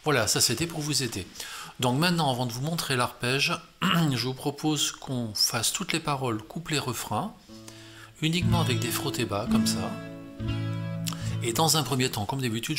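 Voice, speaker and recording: A man with a French accent teaching a beginner guitar lesson, explaining chords step by step and counting beats aloud. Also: medium pitch.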